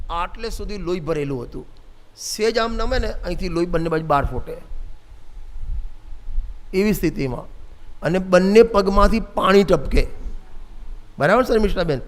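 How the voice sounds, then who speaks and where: An older man with a Gujarati accent giving a devotional sermon, telling a story and addressing listeners by name. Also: high-pitched. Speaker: Jain preacher. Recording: long hall reverb.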